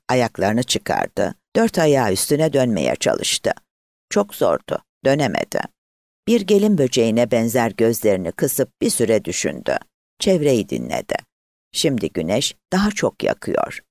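Male audiobook narrator, measured storytelling, very lively pitch, dry close-miked sound. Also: no room sound.

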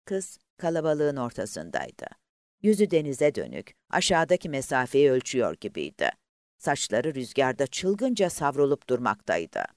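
A man's voice: huge pitch swings, moderate pace. A man narrating a novel in a dramatic audiobook reading. His voice rises and falls widely across every sentence, leaning into the tension of the scene. The sound is dry and close-miked, with no room echo. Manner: dramatic, highly varied reading.

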